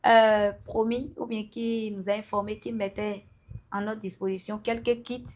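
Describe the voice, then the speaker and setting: A woman, an entrepreneur being interviewed, talking emphatically and now and then calling out loudly to her listeners. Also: mid-range voice, level tone, normal speed. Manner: emphatic, breaks into loud calls to listeners; laughs between remarks. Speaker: entrepreneur guest. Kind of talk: casual interview chat.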